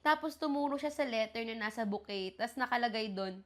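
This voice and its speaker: On her casual chat podcast, a young Filipino woman in her twenties reads listeners' love letters aloud and reacts with animated, gushing delight. Her voice is fairly high-pitched and her delivery brisk.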